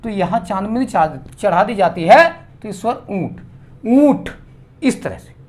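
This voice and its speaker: A man teaching a grammar lesson, slowly spelling out and repeating each vowel sound. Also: high-pitched, animated, darkish tone.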